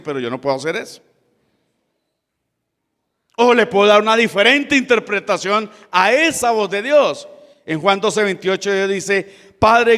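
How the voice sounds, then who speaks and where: High-voiced man preaching in a reverberant hall. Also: fairly bright tone. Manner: explains scripture plainly, addresses listeners as brothers. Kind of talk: sermon.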